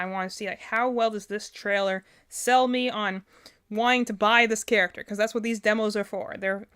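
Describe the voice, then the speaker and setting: A woman hosts a livestream casually, rambling, thinking aloud and frequently correcting herself. Her voice is medium-pitched, smooth and fairly bright.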